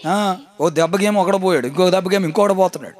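High-voiced pastor preaching emphatically. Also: male voice, fast, faint music behind. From India. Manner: emphatic, repeating phrases and calling for responses. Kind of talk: sermon.

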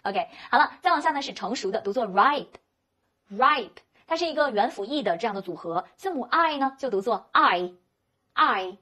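This woman's voice sits on the high side, expressive with a sharp tone, as she teaches English vocabulary and pronunciation. She models words in a slow, drawn-out way and answers her own rhetorical questions to the learner.

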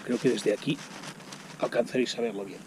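A man's voice: mid-range voice, fairly even intonation, brisk, background noise. A middle-aged man from chatting casually to the camera while snacking outdoors in the woods, often exclaiming as he eats. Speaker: vlogger. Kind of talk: casual outdoor vlog narration. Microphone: camera on the ground in front.

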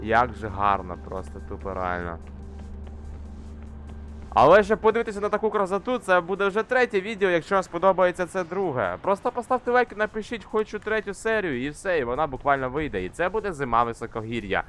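A young man commenting casually on a climbing game he plays, swearing often and shouting when things go wrong. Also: high-pitched, lively intonation, fast, hardly any pauses. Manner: swears constantly, shouts in frustration while climbing. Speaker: gamer. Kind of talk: casual let's-play commentary. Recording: faint game music behind.

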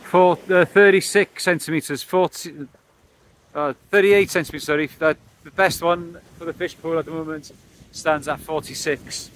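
On a pebbly beach by the sea, a middle-aged fishing vlogger from Wales talks through his fishing as he works, addressing a camera held or standing close by. He speaks at a moderate pace in a fairly high, slightly bright voice with a steady tone. There's a little background noise.

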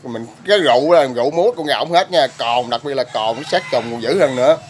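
A man vlogging about raising chickens, talking in a rough, blunt way, ranting at critics and then explaining plainly. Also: mid-range voice, fast talker, slight background noise. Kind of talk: casual vlog talk.

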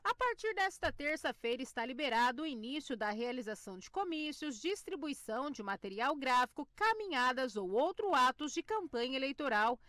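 A woman reporter narrates a television news piece in a steady, clear scripted delivery. Her voice is high and recorded close and dry, with no room around it. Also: brisk, few pauses, no echo. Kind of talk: news narration and interview questions.

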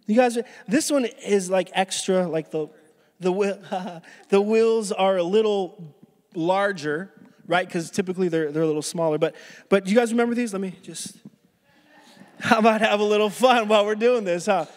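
High-voiced pastor in his thirties. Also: moderate pace. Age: 30s. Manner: casual, rambling storytelling with many restarts. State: out of breath. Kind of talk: sermon. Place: church hall. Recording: reverberant church hall.

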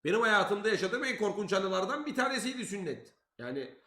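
Loud, swearing young man with a bright voice. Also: high voice, a little fast. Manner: animated, profane, quoting himself loudly. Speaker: streamer. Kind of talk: casual storytelling to chat. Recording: roomy echo.

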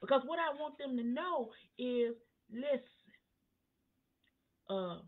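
Woman pastor, Bible study preacher, unhurried and emphatic, building to fervent highs; somewhat high voice. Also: expressive. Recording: tinny phone-line sound.

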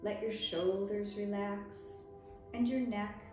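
Slow, echoey woman guiding soft meditation. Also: mid-range voice, steady tone. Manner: soft, soothing, gentle delivery with long pauses. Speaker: meditation guide. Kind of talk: guided relaxation meditation. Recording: very echoey, with music behind. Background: music.

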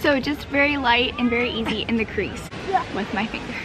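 A woman's voice: a little high, fairly quick, loud music behind the voice. A young woman hosting a makeup tutorial, bubbly and chatty, sitting at an outdoor picnic table near the beach and filming herself up close. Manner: bubbly, chatty, lots of "super" and "fantastic". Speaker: beauty vlogger. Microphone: handheld camera close up.

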